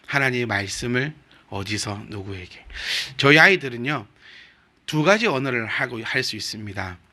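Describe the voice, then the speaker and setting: Jeolla-accent pastor guy preaching, really bright voice, pitch jumps all over, leans on slow emphatic lines. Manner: slow, emphatic preaching with drawn-out quoted phrases. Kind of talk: sermon. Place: church sanctuary.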